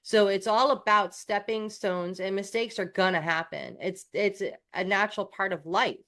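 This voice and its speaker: A woman's voice: mid-range voice, moderate pace, fairly bright tone. A woman from New York co-hosting a coaching podcast, chatting casually with restarts and self-deprecating asides.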